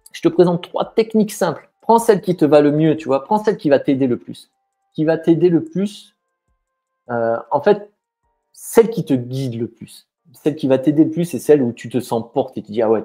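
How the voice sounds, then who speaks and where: A business mindset coach with a warm, mid-range voice talks straight to the viewer in a coaching video. He's informal and encouraging, using fillers and restarting his sentences.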